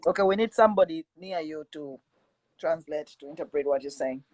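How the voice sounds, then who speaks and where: A man hosting an interview, asking brisk, direct questions. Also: a little high, a little mellow, muffled recording. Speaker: host.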